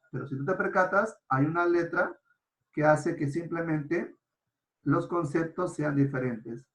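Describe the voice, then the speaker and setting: A man teaching a grammar lesson in a clear, explanatory way, often checking in with his students. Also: fairly high pitch. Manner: explanatory, checks in with frequent rhetorical questions. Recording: roomy echo.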